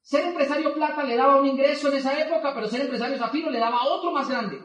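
A man's voice: very high-pitched, fast talker. A man, telling a story to an audience as a motivational speaker and acting out the dialogue in it. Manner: lively, acts out dialogue in quotes. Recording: echoey hall, mic from far off.

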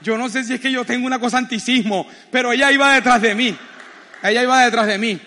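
Male preacher, very high bright voice, storytelling sermon, hall reverb. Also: fast. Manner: animated, acts out voices in his story.

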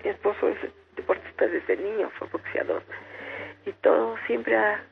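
Gravelly older woman on phone. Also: mid-range voice, moderate pace. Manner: rambling, devout storytelling. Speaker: radio caller. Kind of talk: tearful personal testimony. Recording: tinny phone line with faint hiss.

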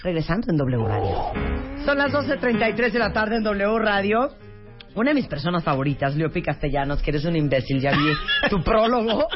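A man's voice: sits high, animated, normal speed, over music. A man hosting a radio talk show, playful and joking with his guest. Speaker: radio host. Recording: dull lo-fi radio audio.

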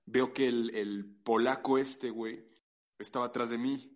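A man's voice: medium pitch, measured pace. A young man with a Mexican accent, telling a story in casual podcast chat with lots of swearing. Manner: swears a lot, animated storytelling. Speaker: podcast host.

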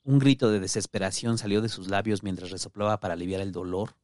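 A man narrating a story in a steady, measured reading voice. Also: fairly low pitch. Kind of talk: audiobook narration.

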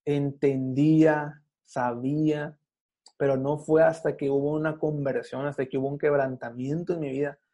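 Slangy Mexican man telling a story, mellow voice. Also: a little high, little pitch movement, moderate pace. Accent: Mexican Spanish. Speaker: guest. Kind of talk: casual testimony.

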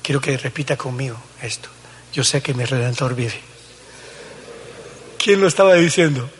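A middle-aged male pastor, preaching a dramatic sermon that swings from hushed tones to shouts. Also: mid-range voice, animated, normal speed, a little hiss or hum. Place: large church hall. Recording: echoey church hall.

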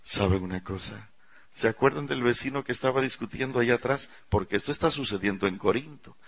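A man with a Mexican Spanish accent, a pastor, preaching a sermon as a dramatic first-person story. He swings from hushed pleading to loud cries and asks the audience questions. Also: medium pitch, quick pace, husky.

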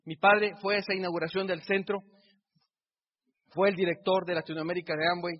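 Mexican guy preaching success to a crowd, highish husky voice, long hall echo. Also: little pitch movement, a little fast. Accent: Mexican Spanish. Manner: repetitive rhetorical build-ups. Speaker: motivational speaker. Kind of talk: emotional motivational speech. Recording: dull recording in a reverberant hall.

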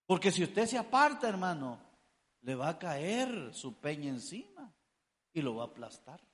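A man preaching a sermon with a high, ringing voice that carries a long reverb through an echoey hall. He keeps calling his listeners brother, pressing them with rhetorical questions and teasing asides. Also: big pitch swings, normal speed, fairly bright tone.

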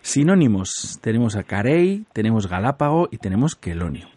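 Dark husky-voiced radio host. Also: male voice, fairly low pitch, very animated, normal speed. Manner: chatty, laughs often, explains word origins. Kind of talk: casual radio chat.

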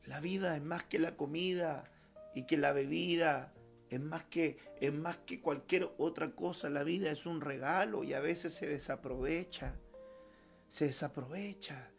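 A man's voice: a little high, measured pace, creaky, faint music behind. A man preaching a fervent sermon as pastor at a church service, repeating his key phrases for emphasis.

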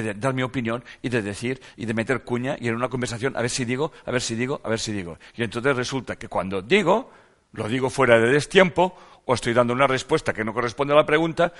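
A man's voice: mid-range voice, a bit bright. Spanish man giving a self-help talk. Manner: rhetorical questions, repetitions for emphasis. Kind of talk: reflective talk reading from a text.

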